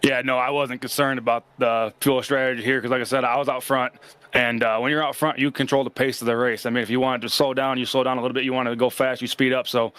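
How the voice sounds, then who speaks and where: A man's voice: medium pitch, flat delivery, fast, a bit bright, clear, resonant tone. A man who has just won a sim race, rambling confidently about strategy and teammates. The sound is dry, with no room echo around him. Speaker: race-winning sim driver. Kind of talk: post-race interview.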